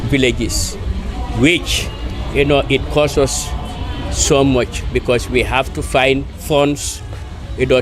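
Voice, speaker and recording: A man, an independent candidate answering reporters' questions outdoors, emphatic and boastful, full of "you know". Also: medium pitch. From Gambia. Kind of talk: impromptu press interview. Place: outdoors by an electoral office.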